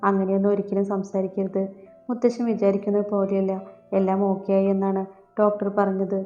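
A woman's voice: mid-range voice, little pitch movement, fairly quick, lightly acted. A woman voicing a worried young man, a devoted grandson who speaks earnestly and reassuringly in an audiobook story. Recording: echoey, dull lo-fi with soft music.

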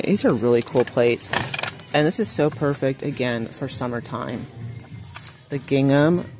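Her voice rumbles low and sounds a little mellow as she narrates a chatty shop-with-me video inside a large retail store. The vlogger addresses viewers as "you guys" and reads out prices while she browses. She films off camera on a handheld phone, so clear store noise comes through the audio.

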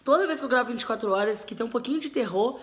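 A woman's voice: fairly high pitch, lively intonation, very fast, echoey room, a little hiss or hum. A young woman with a Brazilian accent chats casually with friends as she films a group vlog on a handheld camera. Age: young adult. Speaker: vlogger filming friends. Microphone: handheld camera at arm's length. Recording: chattering friends in the background.

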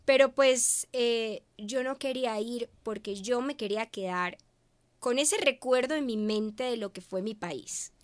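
Woman from Venezuela, interview guest, slightly high voice, expressive storyteller. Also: measured pace, no echo. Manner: expressive, emotional, acts out her own past words. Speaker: guest, media professional.

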